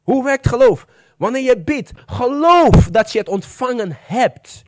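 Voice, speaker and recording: Male preacher, high lively delivery, emphatic, quizzes the congregation, close dry sound. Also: measured pace, dry recording. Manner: emphatic, asks the congregation questions, slips into English phrases. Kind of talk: sermon.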